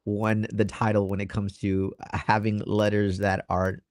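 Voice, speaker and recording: An American man, a guest in a casual interview, asking relaxed questions. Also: lowish voice, unhurried, no echo, clean studio sound. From United States. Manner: laughs easily, relaxed questioning.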